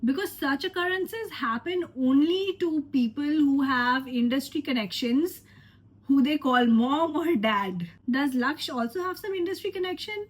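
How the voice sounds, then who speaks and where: A woman's voice: high voice, expressive, unhurried. A woman, congested with a cold, giving an opinionated, sarcastic casual review of a trailer. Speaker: film reviewer.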